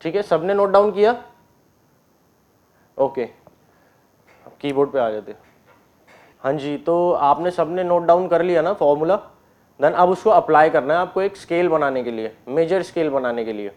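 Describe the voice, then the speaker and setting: High-pitched guy teaching keyboard online, slow and patient, keeps clearing his throat. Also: darkish tone. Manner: patient step-by-step explaining with frequent checks. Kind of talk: online music class. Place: indoors with keyboard and board.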